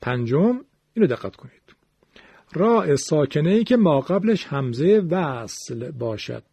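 A man teaching Quran recitation in a radio lesson, explaining rules patiently step by step and drawing out example words slowly. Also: a little high, big pitch swings, gravelly, darkish tone, slightly rough, no echo.

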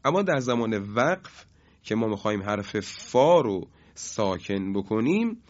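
A man teaching Quran recitation rules, explaining slowly and chanting each example word with drawn-out vowels. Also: on the low side, sing-song. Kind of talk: lesson on tajwid rules. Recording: dull lo-fi recording.

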